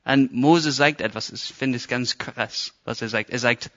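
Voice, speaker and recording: A British man preaches a sermon in broken German, speaking with an English accent. He tells the story with animation, slipping into the voices of the people in it. His tone is bright and a little dull, as if from a lo-fi recording. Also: mid-range voice, measured pace. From Britain.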